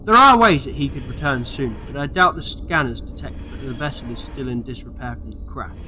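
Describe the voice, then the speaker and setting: A man's voice: medium pitch, animated, brisk, bright, forceful tone, a little hiss or hum. A man playing an eccentric, clever alien time-traveller in a sci-fi audio drama, theatrical, playful and sure of himself. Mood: brisk, reassuring. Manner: theatrical, playful, self-assured.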